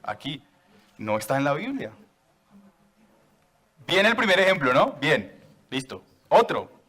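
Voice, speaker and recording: Playful higher-voiced preacher in church. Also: male voice, sing-song, a little slow, sharp tone, slightly rough. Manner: playful, joking with the congregation; asks the church for raised hands. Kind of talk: sermon to a congregation.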